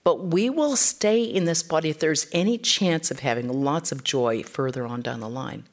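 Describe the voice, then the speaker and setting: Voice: mid-range voice, moderate pace. A spiritual teacher giving an informal talk, speaking conversationally and acting out the quotes in the stories.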